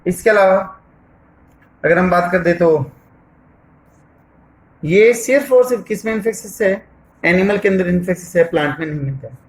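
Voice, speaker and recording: A man's voice: high voice, rough recording. A man teaching a lesson, asking questions and answering them himself while he writes on the board. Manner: asks questions and answers them himself, repeats "theek hai"; writes on the board while talking, slow with pauses. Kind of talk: board lesson in Hindi mixed with English terms.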